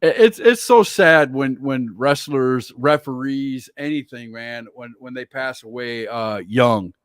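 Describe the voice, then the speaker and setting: A man hosting a casual talk show, chatty and quick to laugh, often trailing off mid-thought. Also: medium pitch, clear, resonant tone, no echo, studio quality. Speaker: show host.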